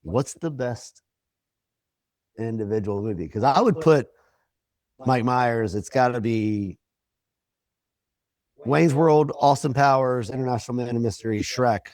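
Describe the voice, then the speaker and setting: A man's voice: mid-range voice, unhurried, pauses often, a little mellow, no room sound. Dry-sounding young man giving opinions. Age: young adult. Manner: opinionated, listing picks. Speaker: podcast co-host. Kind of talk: casual chat.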